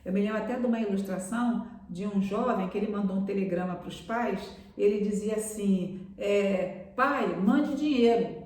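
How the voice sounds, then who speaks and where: A woman's voice: medium pitch, fairly even intonation, normal speed, few pauses. A woman preaching a sermon on a live stream and addressing her listeners as beloved. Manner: warm pastoral address, calls listeners "amados". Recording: very echoey room, voice from far off.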